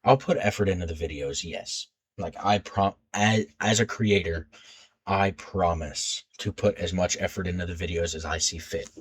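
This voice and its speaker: A late-teens young man with a low, deep voice, talking straight to his channel in a loose, unscripted vlog. He rambles, backtracks and stutters on his words as he restarts his sentences. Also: moderate pace. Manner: stutters when nervous, rambling with many restarts. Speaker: YouTube creator. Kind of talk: unscripted casual vlog talk.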